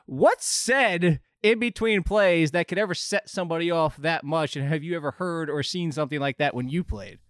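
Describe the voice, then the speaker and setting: An energetic man with a fairly high voice hosts a sports talk show and walks viewers through the incident. The sound is dry and close, with no room echo. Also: moderate pace, few pauses.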